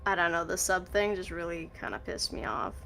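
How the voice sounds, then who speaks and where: A woman's voice: on the low side, fairly even intonation, fairly quick, creaky, bright, forceful tone, soft background music. A woman streamer chatting casually while playing a game, with a teasing, sassy and self-deprecating way of talking.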